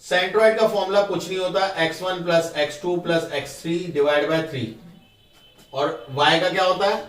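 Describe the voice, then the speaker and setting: High-voiced man teaching math in echoey room. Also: fairly even intonation, fairly bright tone, recorded from a distance. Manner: explains step by step, quizzing students with quick questions. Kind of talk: classroom math lesson.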